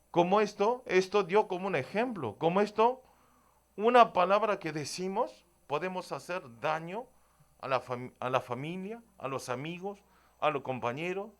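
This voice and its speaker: A man preaching a sermon, emphatic and often checking with the congregation. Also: on the high side. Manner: emphatic, keeps asking the congregation "¿sí?".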